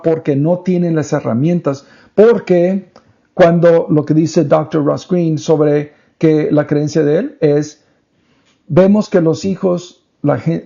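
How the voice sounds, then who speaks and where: A man with a gravelly, mellow voice and a slightly raised pitch talks earnestly through parenting advice like a patient teacher. The lo-fi podcast audio sounds a little dull. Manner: earnest, teaching tone, mixes in English words. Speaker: podcast co-host. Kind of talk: conversational faith-based parenting talk.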